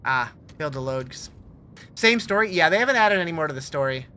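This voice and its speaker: Guy streaming a game, kinda high voice, chill thinking out loud, bit of background noise. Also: animated, fast talker. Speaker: game livestreamer. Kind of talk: casual gaming commentary, answering chat.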